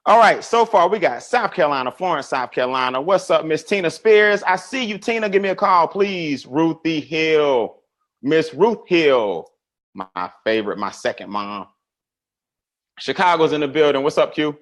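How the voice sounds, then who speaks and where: A man hosting a live money webinar, greeting viewers by name and telling stories in a casual, animated way. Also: fairly high pitch, moderate pace. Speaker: webinar host.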